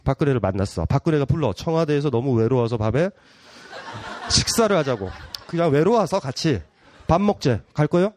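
Man lecturing, playful and teasing, animated swooping voice, dry close sound. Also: medium pitch, fairly quick, no room sound. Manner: playful, teasing, provocative, laughs often. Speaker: philosophy lecturer. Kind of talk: public lecture with audience Q&A.

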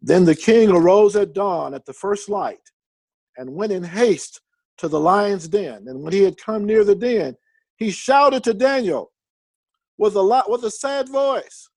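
A male preacher with a notably high voice who reads scripture aloud and then breaks into relaxed, excited commentary. His delivery is casual and personal rather than formal. The sound is close and dry, with little room echo. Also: a little slow, gravelly. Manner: conversational, reads verses then comments with enthusiasm. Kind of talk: sermon reading and explaining scripture.

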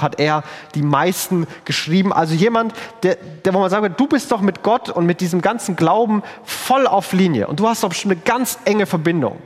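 A man preaching a sermon as pastor, earnest and conversational, often restarting his sentences. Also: a little high. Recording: long hall reverb.

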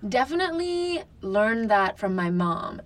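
A woman's voice: fairly high pitch, very animated, measured pace, far from the mic. A woman in her twenties from France, a podcast guest talking candidly and casually, full of "like" fillers. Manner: chatty, frequent "like" fillers, candid. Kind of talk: casual interview talk.

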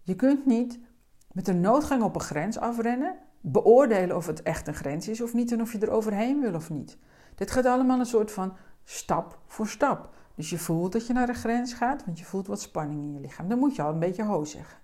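A woman speaking as a coach, explaining slowly and gently in a calm, deliberate way. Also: mid-range voice.

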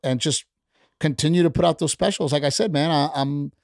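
A middle-aged stand-up comedian, guesting on a podcast, talks bluntly and heatedly in casual chat, swearing plenty. His voice sits on the high side, brisk and creaky with a darkish tone, captured in studio quality with no echo in a podcast studio.

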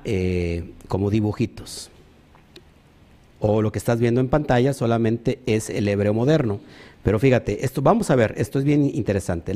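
A man's voice: medium pitch, darkish tone. Emphatic man preaching a bible lesson. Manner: emphatic, repeats "ojo" and "amén", talks to the congregation; hesitant fillers while searching for words. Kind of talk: bible teaching sermon.

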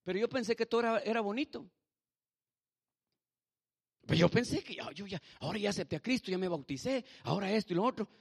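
A man's voice: high voice, fast, vocal fry, pauses often, slightly rough. A man preaching in church, telling his own testimony to the congregation and calling the listeners brother. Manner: animated, addresses listeners as brother. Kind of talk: sermon testimony.

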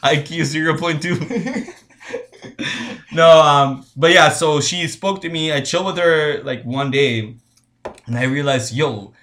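A young man from Honduras with a Spanish accent speaks at a fairly high pitch, a little slowly and with frequent pauses, his voice a bit bright. As a podcast guest he keeps things laid-back and chatty, laughing often and saying "bro" a lot.

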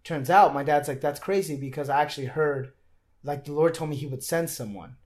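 A man's voice: a little high, steady tone, a little fast, a little mellow. A young man, a podcast guest, earnestly telling a personal faith story in casual conversation, often restarting his sentences.

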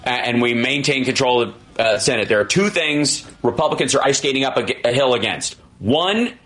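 A middle-aged man hosts a political talk radio show, holding forth in a steady mid-range voice. He talks emphatically and makes jokes as he riffs, in a loose conversational flow. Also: medium pitch, fairly quick. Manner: emphatic, riffing, jokey.

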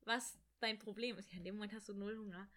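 A young woman in casual chat, telling a travel story in an animated way and acting out the voices of people in it. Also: medium pitch, a crowd in the background. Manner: animated, rushed, acts out quoted voices. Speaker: storyteller guest.

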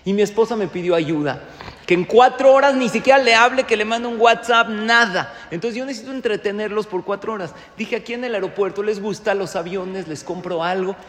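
A man's voice: high-pitched, brisk, hardly any pauses, a little mellow, lightly acted. A man with a Mexican accent voicing a sheepish father explaining himself, within a sermon story. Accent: Mexican Spanish. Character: flustered young father of several kids. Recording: echoey hall with faint noise.

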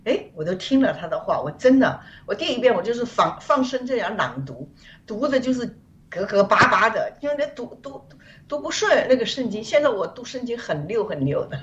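A woman's voice: sing-song, a little fast. A woman from China, a guest on a show, giving a rambling, earnest personal testimony of faith over a remote call. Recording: distant, dull, faint rumble.

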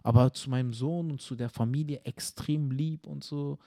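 A man co-hosting a comedy podcast, telling stories animatedly in casual chat and often tagging his sentences with quick questions. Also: mid-range voice, vocal fry. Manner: animated storyteller, tag questions, acts out scenes.

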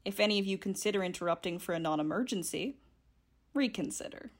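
A curt, commanding female starship captain speaks over the ship's comms channel, her clipped, dry orders sounding a little distant and filtered. Her voice sits at an ordinary middle pitch. A woman acts her in an audio drama. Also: expressive, quick pace.

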